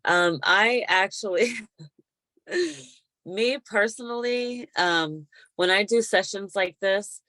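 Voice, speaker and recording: A woman practitioner chatting casually about a spiritual session, laughing often and animated when retelling things. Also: medium pitch, slow pace, no room sound. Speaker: hypnotic regression practitioner.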